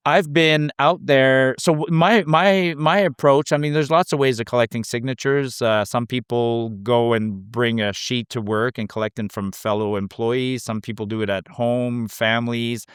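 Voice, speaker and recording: Male guest storyteller, animated, many restarts, smooth clear voice, dry close sound. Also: medium pitch, normal speed, hardly any pauses, no echo. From Canada. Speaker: guest petition canvasser. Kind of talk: casual storytelling. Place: rural Alberta.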